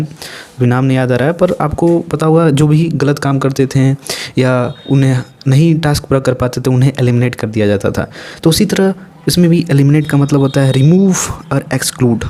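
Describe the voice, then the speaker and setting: A man giving a casual exam-prep vocabulary lesson, talking in a lively, playful way with chatty asides. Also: medium pitch. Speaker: vocabulary teacher.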